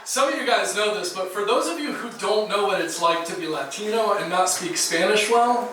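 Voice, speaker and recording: A man's voice: high voice, a little fast, sharp tone. A male stand-up comedian from Jacksonville, Florida, doing a self-deprecating set in a small comedy club. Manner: self-deprecating, conversational punchlines. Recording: echoey room from far off, noisy.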